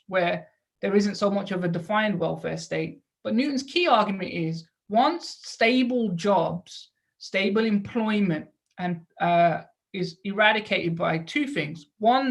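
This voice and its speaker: A woman with a medium-pitched voice lectures an audience in an explanatory way, posing rhetorical questions and adding short check-in tags as she goes.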